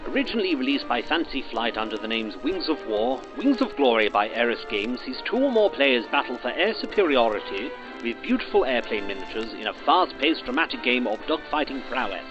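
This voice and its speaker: A man's voice: mid-range voice, sing-song, brisk, few pauses. A man reading a scripted game review in a dramatic, documentary manner. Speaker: review narrator. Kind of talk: scripted narration. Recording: dull voice-over with music bed.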